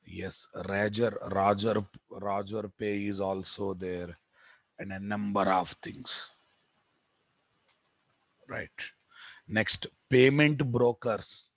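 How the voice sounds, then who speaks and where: A man's voice: lowish voice, steady tone, slow, long pauses, no room sound. A man with a Telugu Indian accent teaching a live technical class as an instructor, repeating phrases and putting questions to his students. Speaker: programming instructor. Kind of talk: live technical lecture, explaining and dictating notes. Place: online class recording.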